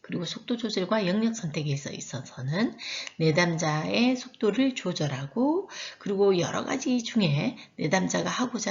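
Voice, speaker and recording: A woman's voice: on the low side, lo-fi sound. A woman lecturer explaining course material in a recorded lecture, with fillers and self-corrections.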